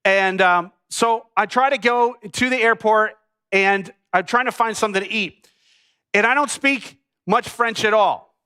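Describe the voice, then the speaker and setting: Bright-voiced man preaching with playful humor. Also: sits high, a little slow, smooth. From United States. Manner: humorous storytelling to a congregation. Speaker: pastor. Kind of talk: sermon.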